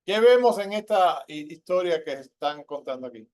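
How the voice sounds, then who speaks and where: Guy preaching in church, high voice, keeps asking the crowd questions, gets louder and higher on the big points. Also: expressive, normal speed. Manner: asks the congregation questions, tags lines with ¿verdad?; rises in pitch and volume when stressing a point. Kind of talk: sermon.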